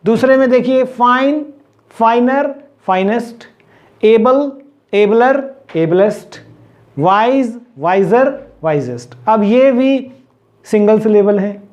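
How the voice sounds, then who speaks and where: A man's voice: very high-pitched, lively intonation, slow pace, darkish tone. A male grammar teacher, explaining in Hindi and drilling word lists aloud, putting questions to his class and answering them himself. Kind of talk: classroom-style lesson.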